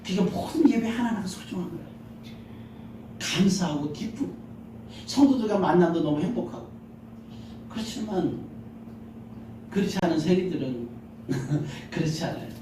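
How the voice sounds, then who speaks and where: A man's voice: high-pitched, lively intonation, normal speed, pauses often, background noise. A male pastor preaching a Sunday sermon, acting out little scenes and asking the congregation questions. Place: large church sanctuary. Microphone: handheld mic. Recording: very echoey church hall, mic heard from a distance.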